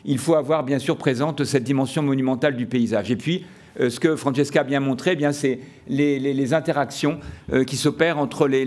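A man moderating an academic session with improvised remarks, halting and hesitant, often repeating words as he searches for the next phrase. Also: medium pitch, a little mellow. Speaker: session moderator and exhibition curator.

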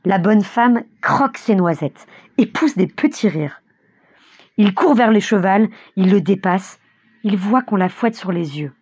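Husky woman reading a novel aloud. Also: mid-range voice, a little slow, no echo, highs cut off. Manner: vivid, expressive storytelling. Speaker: narrator. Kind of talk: audiobook narration of a novel.

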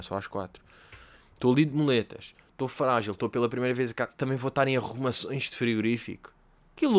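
A young man with a European Portuguese accent, hosting a casual comedic podcast and rambling through stories with slang and swearing. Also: medium pitch. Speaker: podcast host.

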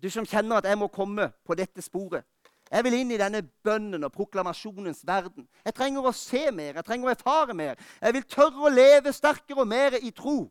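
A man preaching a fervent sermon, rising to urgent calls and then dropping to quiet, personal talk. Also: high voice, clean tone, no room sound, clean studio sound. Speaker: pastor. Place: church.

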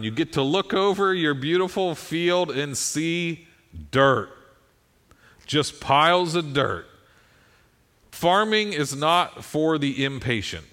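A man's voice: a little high, pushed and bright. An American man giving a conversational sermon in a folksy, self-deprecating manner, often checking in with his listeners. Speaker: preacher.

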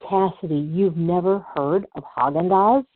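A woman voicing an excitable, pushy young woman who grew up in Chicago, in a storybook reading. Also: lowish voice, normal speed, natural voice. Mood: excited. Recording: tinny phone-like sound.

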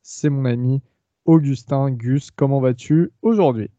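Mellow-voiced French podcast host. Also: male voice, medium pitch, unhurried, no echo, highs cut off. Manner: hesitant, many fillers and restarts. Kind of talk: casual podcast chat.

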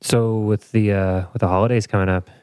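A man's voice: fairly low pitch, fairly even intonation, a little fast, darkish tone, clean tone, dry recording, clean studio sound. A man hosting a casual podcast chat, joking around and laughing often. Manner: laughs often, chatty and jokey. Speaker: podcast host.

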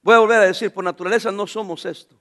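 High-pitched bright male preacher. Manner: animated preaching, calls out to the congregation; reads scripture slowly with the congregation. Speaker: pastor. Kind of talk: sermon.

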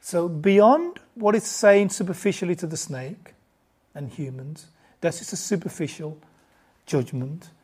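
A woman with a deep, warm voice and a breathy edge gives a Bible lesson to a group in a conversational style. She speaks informally, frequently restarting her sentences with a stumble, and asks her audience questions.

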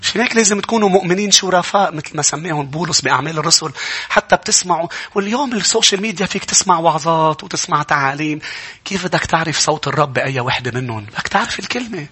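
Lebanese pastor guy preaching fast, high husky voice, gets loud and fired up. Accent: Lebanese Arabic. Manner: impassioned preaching, rising to shouts. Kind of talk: sermon.

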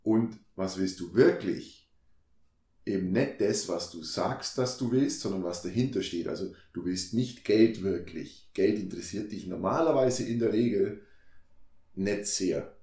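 Low-voiced man musing in a roomy space. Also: normal speed, warm tone. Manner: reflective, explains with examples and rhetorical questions. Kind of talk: casual conversation. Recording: roomy echo.

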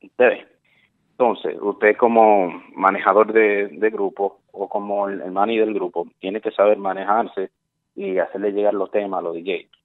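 Hombre grave llamando por teléfono a la radio. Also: male voice, fairly low pitch, steady tone, normal speed. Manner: earnest, explanatory, repeats words, mixes in English phrases. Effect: heard through a phone line. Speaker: radio show caller. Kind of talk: explaining advice on air as a caller. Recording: tinny phone line.

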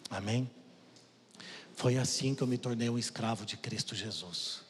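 A man giving an emotional testimony sermon to the congregation, swinging between loud and soft and often calling out to his brothers. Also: mid-range voice, measured pace, a little hiss or hum. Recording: long hall reverb.

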